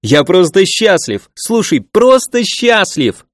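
A man reading an audiobook voices an excitable young male fighter, loud and gleeful at times and doubtful at others. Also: mid-range voice, moderate pace, no echo, studio quality, lightly acted. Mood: elated.

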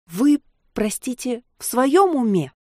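A woman's voice: mid-range voice, lively intonation, moderate pace, no echo, studio quality, voice pushed up, lightly acted. A woman voicing a tense adult daughter who presses with indignant questions.

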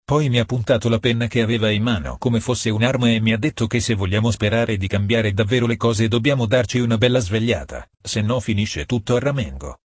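A man narrating an audiobook in a calm, measured reading voice. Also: fairly low pitch, husky, dry recording, studio quality.

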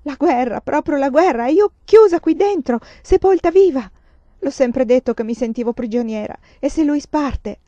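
Woman voicing young foreign student, desperate, pleading, shouting, raised pitch, slightly dull recording. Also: unhurried, no echo. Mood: frantic.

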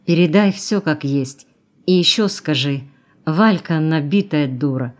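Audiobook girl: hesitant, hushed young woman, read by a woman. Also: deep voice, measured pace. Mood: earnest. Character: young woman seeing a friend off, impulsive.

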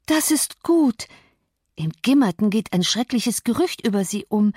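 A gossipy middle-aged housemaid from a storybook reading, put on by a woman narrator, pitched well above her usual speaking voice. She chatters on eagerly about rumours. Dry, close recording with no room sound. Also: lively intonation, measured pace, darkish tone, husky, no echo.

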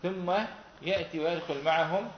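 A man's voice: a little high, steady tone, normal speed. Male teacher, quizzes his class and echoes their answers; echoey room, dull sound, light hiss. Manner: asks students questions and repeats their answers. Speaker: Quran recitation teacher. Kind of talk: classroom lesson with questions to students. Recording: roomy, dull recording with faint noise.

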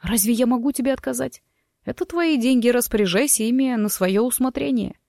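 A woman voicing a calm, gently teasing young husband in an audiobook, speaking evenly. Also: fairly high pitch, a little fast, vocal fry, no echo, studio quality. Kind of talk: audiobook character dialogue.

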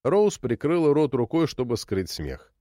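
Expressive male storyteller, dry close sound. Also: mid-range voice, measured pace, dry recording. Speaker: narrator. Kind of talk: scripted narration.

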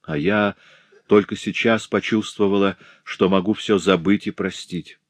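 A man's voice: low voice, flat delivery, measured pace, no room sound. A man voicing a remorseful, devoted young noble wife in an audiobook, speaking earnestly and pleadingly. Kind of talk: audiobook reading.

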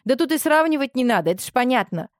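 A woman reading aloud as a domineering middle-aged mother, pitched noticeably higher than the reader's own voice and full of indignant, scolding questions. The sound is dry and close. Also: big pitch swings, quick pace, dry recording. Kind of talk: audiobook character reading.

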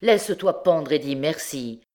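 A woman's voice: low voice, lively intonation, unhurried, a little mellow. Narrator voicing a scornful, curt female vagabond, audiobook. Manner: grumbling, curt.

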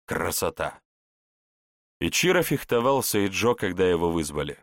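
A man's voice: low voice, expressive, moderate pace, no room sound, studio quality. A man narrating a scripted fantasy story as an audiobook reader.

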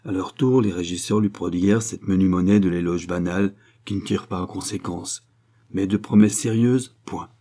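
A man narrating a novel in a measured, expressive reading. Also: deep voice. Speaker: audiobook narrator. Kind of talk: scripted narration.

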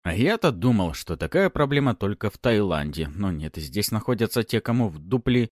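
Deep-voiced guy reading an audiobook, sarcastic, lively pitch, dry sound. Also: normal speed, no room sound. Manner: sardonic, mocking. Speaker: audiobook narrator. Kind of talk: first-person audiobook narration.

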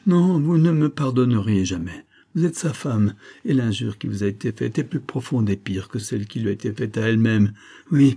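A man's voice: mellow, breathy edge. A man voicing a delirious, guilt-ridden sick woman in an audiobook, frantic and pleading. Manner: frantic, pleading, high and shrill. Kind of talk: audiobook character reading.

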